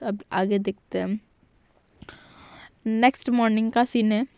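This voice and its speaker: A woman's voice: medium pitch, darkish tone, clear, resonant tone, no echo. A woman casually retelling a fan fiction story in a chatty way, with fillers and self-corrections.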